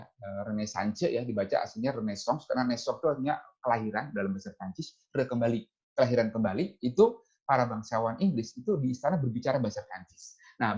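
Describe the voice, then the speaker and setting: On a lo-fi recording, a man with a medium-pitched voice gives a slide lecture, working through it point by point. He frequently slips "ya" and "nah" in between his phrases.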